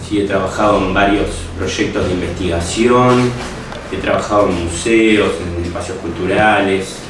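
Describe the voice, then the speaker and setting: A young man with a deep voice and a Uruguayan Spanish accent, who studies and teaches history, speaks reflectively at normal speed in a personal interview. He restarts often and uses many tag questions, recorded in an echoey room on a distant mic with faint noise.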